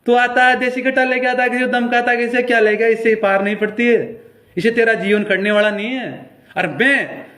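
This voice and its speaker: A man's voice: very high-pitched, little pitch movement, a little fast, a bit bright. A male folk singer with a Rajasthani accent, delivering an angry, confrontational appeal on a live stream and repeating his challenges.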